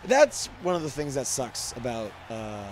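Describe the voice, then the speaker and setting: Over a little hiss or hum, a man with a medium-pitched voice and big pitch swings talks a little slowly. Hosting commentary on wrestling game cutscenes, he rambles casually, joking at his own expense and doing mock wrestling announcing.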